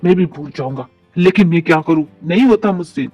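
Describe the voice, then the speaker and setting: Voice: medium pitch, brisk, dark tone, no echo, close to an everyday voice. A voice actor playing a hurt young man who turns cold on the woman he loves, then tender, in an amateur audio drama. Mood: torn. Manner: pleading, then cold and dismissive. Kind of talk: Hindi fan audio drama dub. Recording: distant mic with background music.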